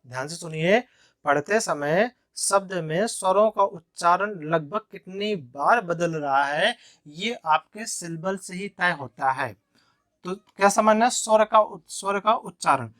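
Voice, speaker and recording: A man's voice: high-pitched, lively intonation, measured pace, a bit bright, no echo, studio quality. A male teacher explaining an English grammar lesson in Hindi, step by step, with frequent repetition of key points.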